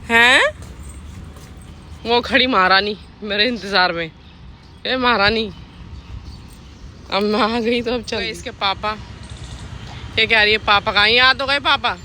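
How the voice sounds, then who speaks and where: A young mother chats into her phone while out and about, her voice sitting a touch high. She keeps breaking off to coax and tease her little girl. Traffic and street noise run clearly underneath. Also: a little slow, long pauses, sharp tone. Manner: chatty, talks to her small daughter between asides. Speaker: vlogger mother. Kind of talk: casual vlog chat. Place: outdoors in a park and streets. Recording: outdoor noise, traffic behind.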